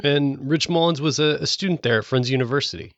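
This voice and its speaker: A man's voice: a little high, fast talker, no room sound, highs cut off. A man hosting a podcast, reading an upbeat scripted intro, then interviewing a guest. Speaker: podcast host.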